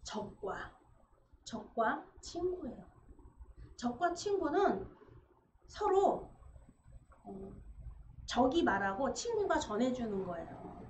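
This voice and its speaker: A woman pastor preaching a sermon in an animated way, acting out quoted conversations. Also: sits high, slow pace, long pauses. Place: church sanctuary. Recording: echoey church room, dull sound, faint noise.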